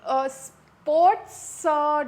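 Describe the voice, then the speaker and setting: A young woman from Karnataka, guesting on an interview as a television actress. Her voice sits a little high, and she talks in a playful, easy way, laughing often and slipping English into her sentences. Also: drawn-out words, a little mellow. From Karnataka, India. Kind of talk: casual interview chat.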